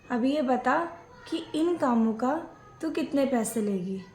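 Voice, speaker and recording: A woman's voice: sits high, expressive, unhurried, warm tone, reverberant, a little hiss or hum. A woman acting out a scripted family skit, playing both a mother-in-law and a daughter-in-law.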